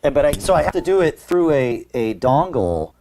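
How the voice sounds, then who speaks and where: A man's voice: a little high, very animated, darkish tone, a little hiss or hum. Man sounding muffled, like down a well. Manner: halting, restarts sentences while troubleshooting. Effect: muffled laptop mic, like talking from the bottom of a well. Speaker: podcast co-host. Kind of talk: casual tech podcast chat.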